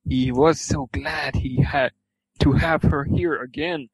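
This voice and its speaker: A man's voice: a little high, steady tone, slow pace, vocal fry, breathy edge, no echo, low-quality recording. A man reading fan fiction aloud for laughs, stumbling over words and swearing at the text. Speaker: reader.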